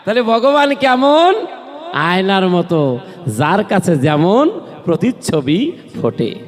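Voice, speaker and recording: A man with a Bangladeshi Bengali accent preaching a devotional sermon at a temple gathering, telling a story in an animated way and asking the audience questions. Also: high voice, takes it slowly, long reverb tail, faint music behind. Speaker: kirtan singer and preacher.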